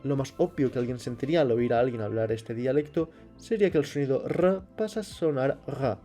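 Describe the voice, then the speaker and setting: Man narrating in a mellow voice. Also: medium pitch, faint music behind. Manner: measured, explanatory delivery. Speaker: channel host. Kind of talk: scripted narration.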